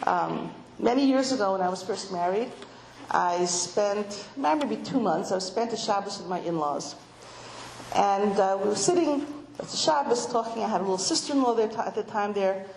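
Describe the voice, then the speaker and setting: A middle-aged woman giving an informal talk to women, telling stories with animation and voicing children in a high pitch. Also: lively intonation, normal speed, vocal fry, darkish tone. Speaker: speaker addressing a women's audience. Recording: echoey room with faint noise.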